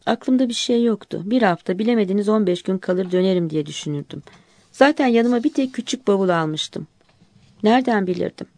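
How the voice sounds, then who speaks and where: A woman narrating an audiobook in a calm, measured reading voice. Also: medium pitch, dry recording.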